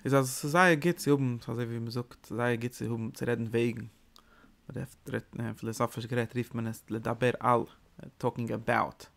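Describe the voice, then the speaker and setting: A man giving a Torah lecture, speaking with animated, emphatic bursts and mixing in English words. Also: medium pitch, brisk, gravelly. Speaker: Torah teacher. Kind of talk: religious lecture.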